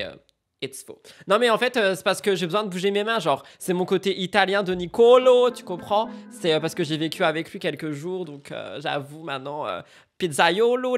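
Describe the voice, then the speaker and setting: A young man hosting a casual live stream, reacting to celebrity news and reading out chat messages, with a chatty, jumpy delivery. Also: on the high side. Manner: chatty, jumps between loud outbursts and mumbled asides.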